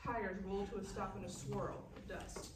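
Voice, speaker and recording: At a live table read in a festival room, a woman narrates the screenplay's action lines as the stage-direction reader. She speaks at normal speed with a medium pitch and fairly even intonation. The room is echoey, the mic distant, with faint noise.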